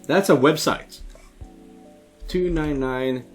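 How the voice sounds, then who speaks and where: A Swedish man with a slightly high voice gives slow, casual let's play commentary on a visual novel he's streaming, rambling and hesitating as he goes. Faint music plays behind him.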